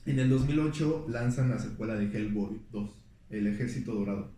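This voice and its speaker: A man's voice: on the low side, moderate pace, dark tone. A man, a podcast guest, chatting casually and rambling with many fillers and restarts. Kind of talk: casual storytelling chat. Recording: echoey room, distant mic.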